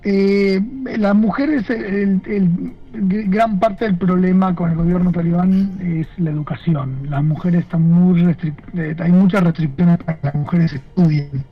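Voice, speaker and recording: Higher-pitched man, hesitant and thoughtful. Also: fairly even intonation, unhurried, few pauses, highs cut off, soft background music. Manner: thoughtful, hesitant, many fillers and restarts. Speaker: guest photojournalist. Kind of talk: remote interview answers. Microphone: video call.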